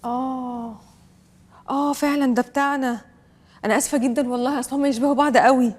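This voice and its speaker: A woman's voice: high voice, steady tone, quick pace, a little mellow, long reverb tail. An actress playing a courteous mother in a TV comedy, with an Egyptian Arabic accent, polite and confused. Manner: polite and puzzled. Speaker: schoolboy's mother. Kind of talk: TV comedy series acting.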